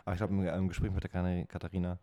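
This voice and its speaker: A man hosts a relaxed podcast interview. His voice is very deep and dark. He hesitates often, filling gaps with ums. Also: very fast. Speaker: podcast host.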